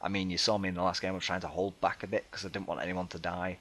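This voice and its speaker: Man, fairly low voice, casual gameplay commentary, hesitant, lots of ums, chatty, self-deprecating. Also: little pitch movement, very fast, a bit bright. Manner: hesitant, many ums and restarts. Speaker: let's play gamer.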